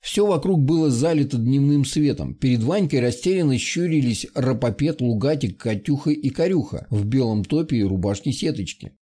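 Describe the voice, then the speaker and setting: A man narrating an adventure audiobook in a steady storytelling manner. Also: medium pitch, moderate pace, few pauses, slightly rough. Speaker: audiobook reader. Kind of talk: scripted narration.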